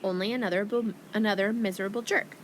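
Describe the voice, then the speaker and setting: A woman reading a first-person audiobook in a wry, expressive teenage-girl voice. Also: medium pitch, fast talker, a little hiss or hum. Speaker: audiobook narrator.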